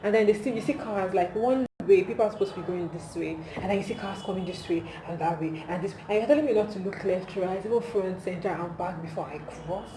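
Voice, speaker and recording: A woman with a Nigerian accent and a mid-range voice talks fast with few pauses while filming a comedic vlog on her phone. She's amused and animated, stressing points and throwing out rhetorical questions. The phone recording has an echoey room sound and clear background noise.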